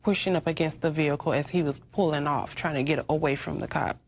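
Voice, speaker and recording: A woman's voice: low voice, fairly even intonation, fast talker, creaky, a little hiss or hum. A woman interviewed as an eyewitness, recounting what was seen in a plain, matter-of-fact way.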